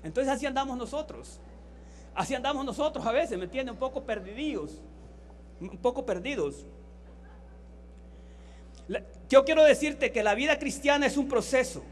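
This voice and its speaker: A man's voice: very high voice, expressive, moderate pace, pauses often, slight background noise. A man preaching a sermon in a Honduran accent, telling anecdotes and repeating phrases for emphasis. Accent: Honduran Spanish.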